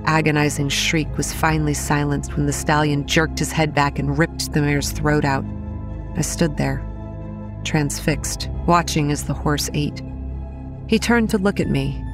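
Speaking in a low voice, an actress portrays a haunted young woman recounting the horrors of her childhood. Her first-person narration is solemn and deliberate, tense and grim in mood.

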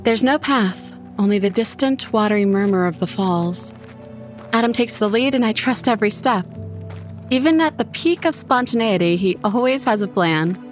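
A woman reading a first-person horror story in an intimate, expressive way. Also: medium pitch, normal speed, soft background music. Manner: intimate, expressive, voices her own character's lines. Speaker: narrator.

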